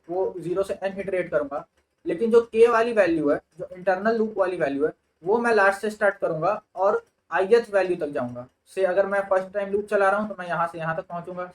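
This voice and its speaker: A man's voice: sits high, fairly quick, rough recording. A young man with an Indian accent teaching sorting algorithms, explaining each step and thinking aloud as he goes. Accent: Indian English. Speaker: computer science tutor. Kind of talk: lecture on sorting in Hindi-English mix.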